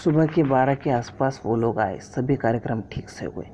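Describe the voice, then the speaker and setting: A man narrates a first-person story in a steady, earnest read. His voice is mellow and unhurried, on a dull lo-fi recording with a faint hiss underneath. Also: medium pitch.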